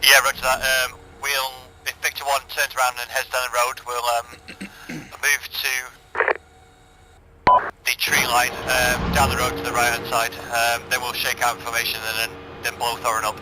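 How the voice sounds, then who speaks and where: A man giving halting military radio callouts with call signs over a crackly radio. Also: medium pitch, monotone. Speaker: vehicle commander in a military game. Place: online game voice comms. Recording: very noisy crackly radio with vehicle noise.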